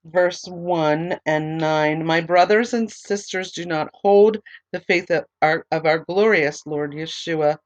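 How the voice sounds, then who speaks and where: Her voice going and a bit hoarse, she reads Bible verses at an even pace before talking through them loosely, full of ums and restarts. She speaks low and slowly. The recording, made with an online recorder on a computer, has no echo.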